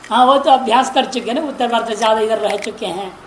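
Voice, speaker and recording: A man teaching Sanskrit grammar in a classroom lesson, chanting word forms slowly and correcting pronunciation with repeated examples. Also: very high voice. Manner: recites word forms in slow drawn-out chants. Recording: echoey room with faint noise.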